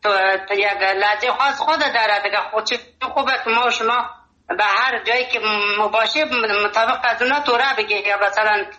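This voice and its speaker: A man's voice: sits high, fairly even intonation, pushed and bright. A man from Kabul with a Kabuli Dari accent, calling a radio phone-in and speaking politely in a flowery way, full of fillers. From Kabul, Afghanistan. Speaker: radio caller. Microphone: phone line into a radio studio. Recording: lo-fi roomy phone line.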